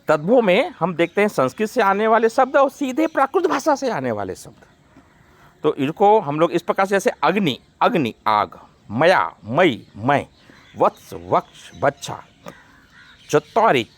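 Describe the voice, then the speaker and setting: Lively-voiced man teaching grammar. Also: high-pitched, no echo. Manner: explains slowly, listing word pairs one by one. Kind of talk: classroom-style grammar lesson.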